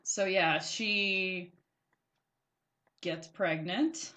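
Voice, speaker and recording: A woman's voice: on the low side, very slow, sharp tone. Giggly woman recapping with fillers. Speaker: podcast co-host. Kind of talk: casual chat.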